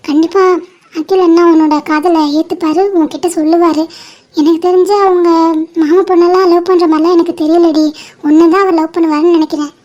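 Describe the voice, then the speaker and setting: A woman's voice: very high-pitched, darkish tone, muffled recording. A woman voicing a young female best friend in a cartoon, who reassures her friend in a firm, coaxing way. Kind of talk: animated cartoon voice acting.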